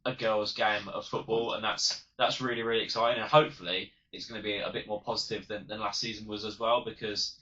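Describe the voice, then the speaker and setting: A man co-hosting a casual fan podcast, agreeable and enthusiastic, chiming in with quick replies. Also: lowish voice, flat delivery, pushed and bright, lo-fi sound. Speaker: podcast co-host.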